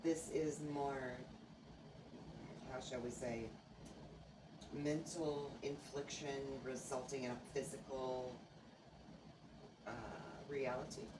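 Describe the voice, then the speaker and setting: A woman speaks as a trance medium in a remarkably deep voice. Her phrasing is formal and oracular, broken by halting pauses. She sounds distant in an echoey room. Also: steady tone. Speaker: trance channeler, seance medium. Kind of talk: seance medium channeling, answering questions in trance. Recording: noisy, echoey room, far from microphone.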